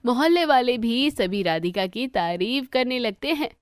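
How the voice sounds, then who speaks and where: A woman telling a cartoon story in scripted narration, with expressive storytelling. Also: on the high side, moderate pace, no room sound, clean studio sound. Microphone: dry close voice-over.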